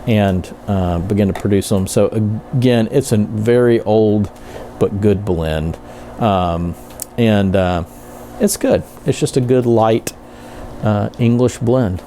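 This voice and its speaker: Man, casual reviewer, low gravelly voice, mellow tone, halting and rambling, faint background hum. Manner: rambling, halting, self-correcting. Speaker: pipe tobacco reviewer. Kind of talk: casual product review talk.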